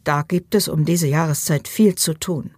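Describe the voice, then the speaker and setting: A woman's voice: low voice, normal speed, a little mellow, no echo, studio quality. A woman voicing a cool, terse seventeen-year-old girl in an audiobook, with a clipped manner.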